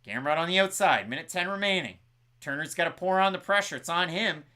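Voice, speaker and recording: A man co-hosting a live fight watch-along, calling the action with excited play-by-play and reading out fan scores. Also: high voice, quick pace. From Canada. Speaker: co-host.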